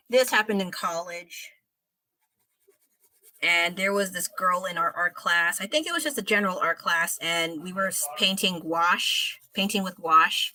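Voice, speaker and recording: A woman's voice: on the low side, bright, forceful tone. A young woman chatting casually and bluntly while drawing on her livestream, laughing at her own stories. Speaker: art livestreamer.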